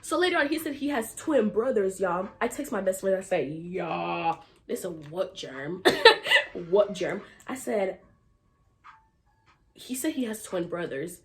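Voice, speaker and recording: A young woman telling a casual storytime, acting out quotes with big jumps in her voice. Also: moderate pace. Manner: animated, acts out quotes with big pitch jumps and laughter. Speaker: vlogger.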